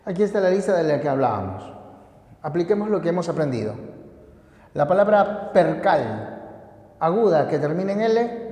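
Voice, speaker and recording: A man teaching a spelling and accent lesson, explaining each example in a deliberate, emphatic way. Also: high voice, mellow. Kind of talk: grammar lesson. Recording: echoey room with long reverb.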